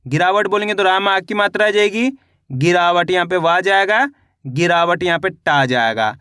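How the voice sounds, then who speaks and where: A man's voice: high voice, bright, forceful tone, clean tone, dry recording, clean studio sound. A man teaching children to read, sounding out each word syllable by syllable and repeating it patiently. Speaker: Hindi reading teacher. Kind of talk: slow spelling lesson, syllable by syllable.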